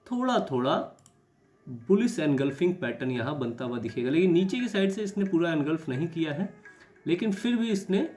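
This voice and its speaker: Male trading teacher, hoarse and throat-clearing, slightly raised pitch, soft music bed. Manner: reflective, repeats key words. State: sore throat. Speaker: stock market trading educator. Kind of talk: chart analysis lesson.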